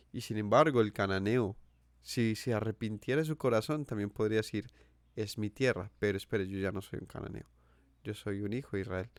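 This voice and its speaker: A Colombian preacher with a Colombian accent teaches an earnest sermon, questioning his listeners and repeating phrases for emphasis. His voice sits in the mid range, with no echo.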